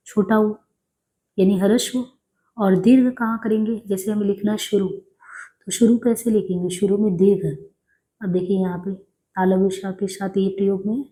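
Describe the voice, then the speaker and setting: A woman's voice: mid-range voice, dark tone. A woman teaching correct Hindi spelling for exam preparation, patiently repeating each word and checking in with her students as she goes. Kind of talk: exam-prep spelling lesson.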